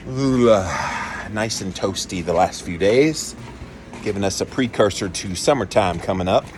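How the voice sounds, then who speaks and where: A man's voice: on the low side, animated, measured pace, a little hiss or hum. A man talking casually and emphatically to his viewers in a vlog, recorded on a handheld phone outdoors. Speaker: vlog host. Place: backyard, outdoors.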